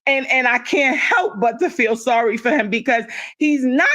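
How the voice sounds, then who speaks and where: A woman's voice: high-pitched, normal speed, a bit bright, dry recording, lo-fi sound. A middle-aged woman talking in a casual livestream chat, impassioned and emphatic, often repeating herself for stress.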